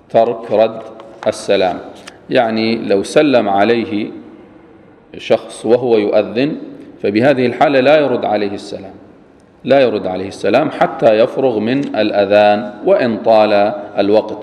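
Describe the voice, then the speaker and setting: A man teaching Islamic law, reading a line of text slowly and then explaining it plainly. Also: lowish voice, warm tone, long reverb tail. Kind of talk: recorded lecture explaining a text.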